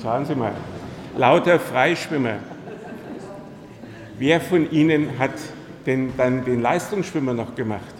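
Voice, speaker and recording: A man's voice: mid-range voice, takes it slowly, pauses often, a crowd in the background. Man, sermon, storytelling, speaks to the congregation, echoey hall with long reverb. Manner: storytelling, addresses the congregation directly. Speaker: pastor.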